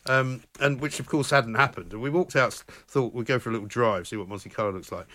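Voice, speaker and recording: Man, British accent, podcast co-host, fast-paced, lively storyteller, casual chat. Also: mid-range voice. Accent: British English. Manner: lively storyteller, puts on voices in quotes.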